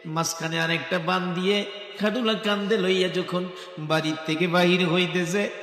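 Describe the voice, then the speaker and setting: Chanting a sung waz sermon with a wailing melody, a man serving as an Islamic preacher addresses a large religious gathering through loudspeakers. His high, fairly bright voice keeps fairly even intonation at normal speed, amid echoey hall sound and faint music.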